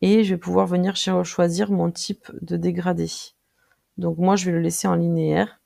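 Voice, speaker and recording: A presenter walking viewers through a design tool in a casual screen-recorded tutorial, speaking directly to them and pausing often with filler sounds while clicking. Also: medium pitch, level tone, creaky, darkish tone. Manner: friendly, addresses viewers directly.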